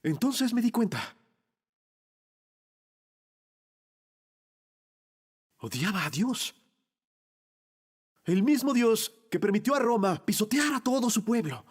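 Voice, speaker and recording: An actor playing a dying thief on a cross, speaking a grave, intense monologue. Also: male voice, high voice, very animated, measured pace, slightly rough, heavily acted. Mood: bitter. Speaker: narrator of a monologue. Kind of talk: dramatic film monologue, dubbed.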